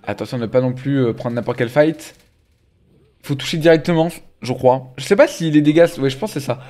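A man's voice: medium pitch, a little fast. French-speaking man teasing a bad player. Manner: animated, exclaims often, teasing. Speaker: streamer commenting on gameplay. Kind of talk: casual live gameplay commentary.

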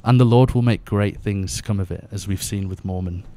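Brief: earnest male guest, lowish voice, smooth and resonant, reads scripture with feeling. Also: moderate pace, dark tone. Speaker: podcast guest. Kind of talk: podcast conversation with scripture reading.

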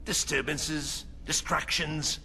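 An actor playing a gleefully menacing, theatrical clown supervillain in a video game, mocking and prone to bursting into shouts. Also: male voice, fairly high pitch, fairly even intonation, takes it slowly, a little hiss or hum, exaggerated voice. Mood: grandiose menace. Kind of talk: video game cutscene acting.

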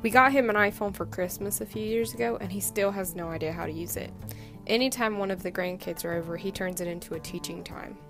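A woman's voice: medium pitch, fast. Young woman narrating over guitar music. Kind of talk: scripted narration.

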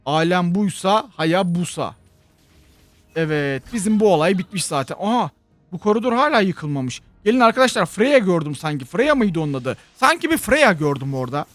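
Excitable high-voiced man commentating a game. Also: moderate pace, dry recording, soft background music. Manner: excitable, chatty, shouts chants at the game. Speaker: gaming YouTuber. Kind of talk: live gameplay commentary.

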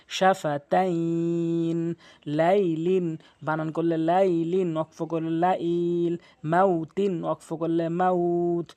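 Male recitation teacher, dark fairly high voice, slow drawn syllables then brisk explanation. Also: gravelly. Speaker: Quran reading teacher. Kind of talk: Quran recitation lesson.

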